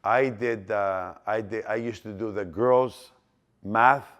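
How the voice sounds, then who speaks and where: A Greek-born man in his sixties speaks English with a Greek accent in a somewhat low voice. He rambles through memories with many fillers, false starts and repeated phrases. He sounds like someone chatting casually rather than reading a script. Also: steady tone, slow pace, a bit bright. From Greece. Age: 60s. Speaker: business owner telling his life story. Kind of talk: casual personal storytelling.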